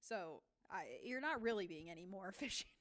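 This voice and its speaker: A woman's voice: medium pitch, expressive, a little fast, fairly bright tone. A woman artist chatting casually while she draws on a stream, giggling often and rambling to herself. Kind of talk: casual chat while drawing.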